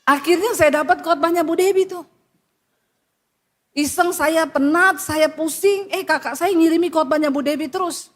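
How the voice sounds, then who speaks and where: Woman pastor, very high voice, lively scolding sermon delivery, drops low when quoting others. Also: normal speed. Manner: animated preaching, often dropping low to voice quoted people; blunt, scolding address to the listeners.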